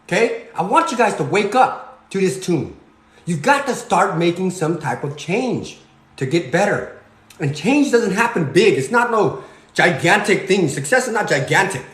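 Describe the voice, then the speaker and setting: In his home kitchen, a Cambodian-born fitness vlogger in his forties cooks while delivering a preachy motivational talk, repeatedly saying "okay?" and "you guys." His high voice is sing-song and a bit bright, at a moderate pace, and the room sounds reverberant.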